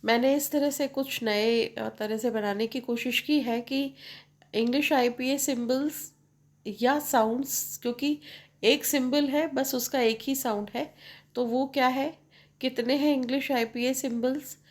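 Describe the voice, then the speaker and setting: A woman English teacher, explaining slowly and mixing in English phrases while checking in with her students. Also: high voice, fairly even intonation. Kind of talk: bilingual classroom explanation.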